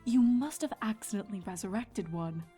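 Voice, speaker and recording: A woman's voice: medium pitch, mellow, soft background music, natural voice. Woman as graceful, composed pony sun princess. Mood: thoughtful. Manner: composed, measured, regal. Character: graceful, kindly mature pony sun princess, calm mentor. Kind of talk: cartoon-style fan fiction dramatization.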